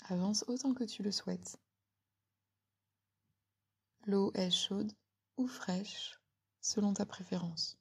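A woman giving a slow, soothing guided relaxation in a breathy ASMR whisper, very close, as if right in the listener's ear. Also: medium pitch. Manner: slow, soothing, gently instructing.

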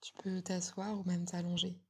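A woman giving a slow, soothing guided relaxation in a breathy ASMR whisper, very close, as if right in the listener's ear. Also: lowish voice, little pitch movement. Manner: slow, soothing, gently instructing.

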